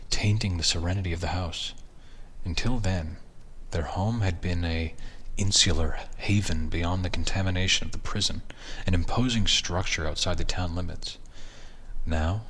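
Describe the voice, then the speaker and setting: A man with a low voice narrates horror fiction. His read-aloud delivery is formal and measured, and there is faint noise in the recording. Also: pushed and bright. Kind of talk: scripted horror story narration.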